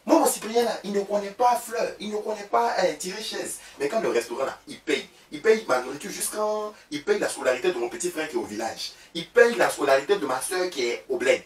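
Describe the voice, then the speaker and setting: A boastful, gossiping wife, played by a man in a comic sketch, speaking with an Ivorian French accent. Her voice leaps up and down in animated swings, breaking into loud bursts. The voice sounds roomy and set back from the mic over a faint background. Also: a little high, fast, few pauses, far from the mic, lightly acted. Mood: gossipy. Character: boastful chatty wife of Cyprien, a woman. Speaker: comedian playing a woman.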